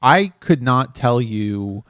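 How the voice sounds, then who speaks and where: A man co-hosting a podcast, chatting casually and critically, animated, often repeating words as he restarts. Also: mid-range voice, slow, no echo, clean studio sound. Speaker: podcast co-host.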